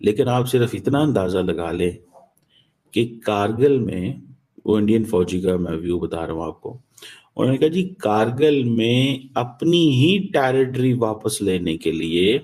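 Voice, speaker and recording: A man giving political commentary in a halting way, mixing English phrases into his speech. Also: fairly low pitch, lively intonation, a little mellow.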